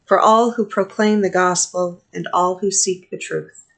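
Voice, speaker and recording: A middle-aged woman priest leading a morning prayer service from a small office, reading scripture and prayers in a measured, steady way into a webcam. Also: fairly low pitch, vocal fry. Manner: measured, steady reading with pauses between phrases. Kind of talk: reading a liturgy aloud. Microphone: webcam at desk distance.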